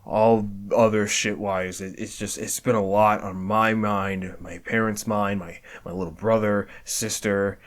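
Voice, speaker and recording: A man's voice: lowish voice, level tone, unhurried, hardly any pauses. A man giving a candid year-end reflection, stammering and restarting often, swearing casually, earnest and self-deprecating. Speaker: video creator.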